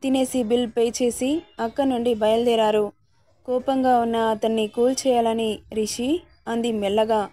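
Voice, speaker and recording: Mellow woman narrating a romance story. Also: on the high side, normal speed, no echo, studio quality. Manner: steady storytelling.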